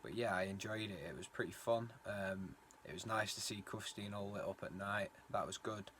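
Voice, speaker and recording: Low-voiced man vlogging outdoors in wind. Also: fairly even intonation, normal speed, a bit bright. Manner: rambling, chatty, many fillers. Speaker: cycling vlogger. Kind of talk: casual vlog narration while riding. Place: outdoors on roads at night. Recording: windy outdoor phone recording. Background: wind noise.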